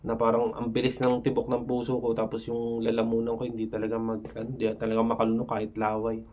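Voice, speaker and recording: A man's voice: mid-range voice, completely flat delivery, quick pace, darkish tone. A man vlogging casual advice, rambling, with frequent fillers and tag questions. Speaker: vlogger sharing anxiety tips. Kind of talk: casual talk to camera.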